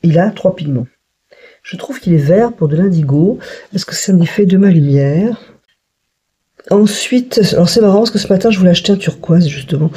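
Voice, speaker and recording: A woman narrates a watercolour palette test at her desk, thinking aloud and pausing often on fillers. Her voice is warm and mellow, with a breathy, slightly husky edge. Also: on the low side, animated. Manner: chatty, hesitant with many fillers, thinking aloud. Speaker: watercolour painter testing a palette. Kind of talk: casual tutorial narration.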